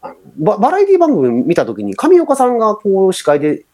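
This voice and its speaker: Animated man with a Kansai accent. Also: high voice, quick pace. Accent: Kansai Japanese. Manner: animated, rambling with many fillers. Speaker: podcast co-host. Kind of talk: casual chat.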